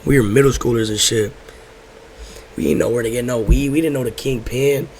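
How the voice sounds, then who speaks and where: Recorded in low quality with slight background noise, a young adult American host speaks briskly in a darkish mid-range voice. He shares personal stories in loose stoner talk, slangy and profane, repeating himself and drifting off track as he rambles.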